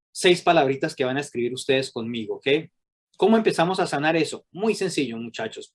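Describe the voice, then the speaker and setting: Man, psychologist, workshop teaching, animated, rhetorical questions, average pitch. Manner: acts out quoted people with raised voice.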